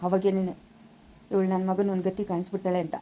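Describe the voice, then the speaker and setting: A woman's voice: mid-range voice, completely flat delivery, quick pace, dark tone, slight background noise, natural voice, poor audio. A woman voicing a cautious, firm husband who lectures his wife.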